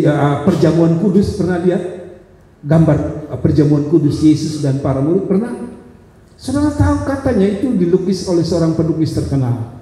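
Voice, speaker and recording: A male pastor preaching a sermon, telling a story dramatically and speaking straight to the congregation. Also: mellow. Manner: dramatic storytelling with wide pitch swings, addressing the congregation directly. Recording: echoey church hall reverb.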